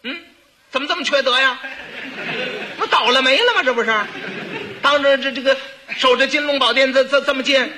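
A man voicing a stout, hot-tempered royal prince who scolds loudly. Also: very high voice, a little fast, long pauses, background noise, voice pushed up. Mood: scolding. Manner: loud, blustering scolding.

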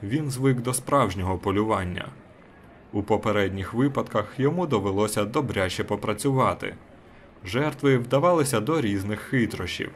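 A man narrating a short story as an audiobook in a steady, measured way. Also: lowish voice, a little hiss or hum.

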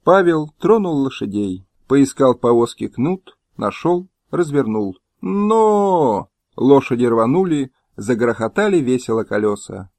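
A man reading a historical audiobook in measured storytelling narration, recorded at home on a close mic. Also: medium pitch, animated, darkish tone, no echo. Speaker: audiobook reader. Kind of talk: scripted narration. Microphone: close, dry home recording.

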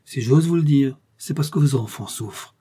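An earnest, devoted young woman speaks in humble, pleading tones in this storybook reading, as a man reads her lines. The voice is dark and husky. Her words come out emotional and sincere. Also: medium pitch, normal speed, close to an everyday voice.

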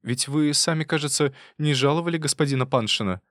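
Guy doing a soft-spoken young woman, quiet and earnest, dry audiobook. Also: fairly high pitch, fairly quick, dry recording, voice pushed up, lightly acted.

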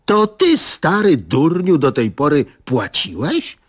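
A man's voice: fairly high pitch, lively intonation, moderate pace, pitched above the performer's own voice, lightly acted. A man voicing a bossy middle-aged village wife who scolds her husband with an air of superiority. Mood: scolding.

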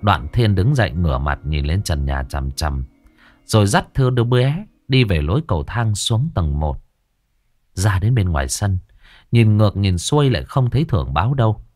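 Low-voiced man telling a ghost story. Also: moderate pace, soft background music. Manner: lively dramatic storytelling. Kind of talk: horror story narration.

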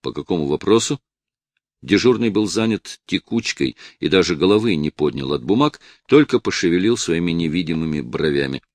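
A man narrating an audiobook with expressive storytelling. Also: low-pitched, brisk, hardly any pauses, no echo. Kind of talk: scripted narration.

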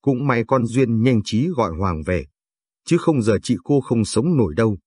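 A man's voice: mid-range voice, expressive, moderate pace, a little mellow, husky, no echo, studio quality. A man voicing a rude, scheming older mother-in-law in a storybook reading, snapping and scornful.

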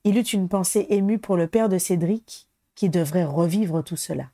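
A woman reading a storybook aloud in an even, measured way. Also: lowish voice, no echo, clean studio sound. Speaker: audiobook reader. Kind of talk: storybook narration.

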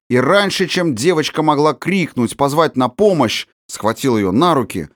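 A man reading a story aloud as audiobook narrator, expressive and acting out the tension of the scenes. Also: medium pitch, no room sound, clean studio sound. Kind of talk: scripted narration.

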